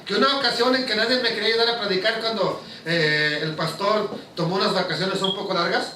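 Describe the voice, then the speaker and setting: A man preaching in a very high, bright voice that rings with emphasis. He keeps firing questions at his congregation. The sound is echoey and distant, as if caught from across a church hall. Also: a little fast, a little hiss or hum. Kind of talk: sermon to a congregation. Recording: echoey room, mic far off.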